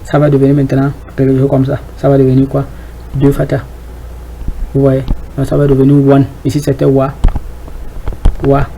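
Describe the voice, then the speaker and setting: A man's voice: medium pitch, completely flat delivery, brisk, vocal fry, dark tone, a little hiss or hum, low-quality recording. A man giving an informal Arabic reading lesson, hesitant, with many fillers, repeated words and rhetorical questions to the class. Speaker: Arabic teacher.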